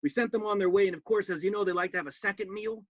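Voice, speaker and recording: A comedian playing a cheerful, earnest male hobbit gardener with a gravelly voice, chatting as if over a video call. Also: high voice, racing, no room sound. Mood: wry. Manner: earnest, folksy, talking to a friend on a video call. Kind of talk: cosplay stand-up character bit. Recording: dull lo-fi dry sound.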